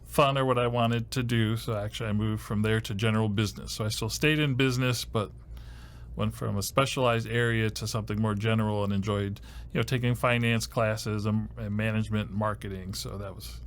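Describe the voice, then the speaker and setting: A podcast host in his fifties from Ohio, USA, who also works as a first-year university advisor, answers interview questions in a podcast studio. He rambles, full of "you know" and dry jokes, in a fairly low, fairly even voice that moves a little fast.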